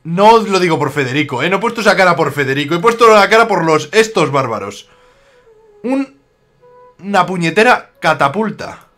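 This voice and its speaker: Aragonese spanish guy doing lets play commentary, yells at the other players, voice jumps all over, kinda high. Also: moderate pace, faint music behind. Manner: excitable, jokey, talks to game rivals. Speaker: gaming YouTuber. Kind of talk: casual gameplay commentary.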